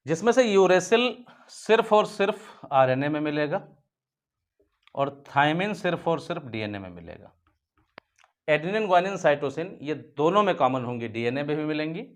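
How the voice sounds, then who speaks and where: A man teaching a biology class, asking his own questions and answering them, and often calling the students "beta". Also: a little high. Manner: repeats key points as questions and answers them; addresses students fondly as "beta". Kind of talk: whiteboard lecture for school students.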